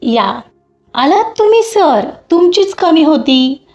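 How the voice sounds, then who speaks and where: A woman's voice: high voice, very animated, slow, pitched above the performer's own voice, exaggerated voice. A woman voicing an angry young man who turns from pleading to threats, in a storybook reading. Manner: shouting, bitter, sneering. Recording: dull lo-fi with faint music.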